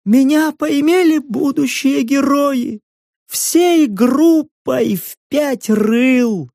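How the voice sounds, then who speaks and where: A shrieking crazed old hag. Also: female voice, drawn-out words, mellow, no echo, clean studio sound, full character voice. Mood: frantic wailing. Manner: shrill wailing, half-mechanical hollow voice. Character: crazed ragged old woman, shrieking doom.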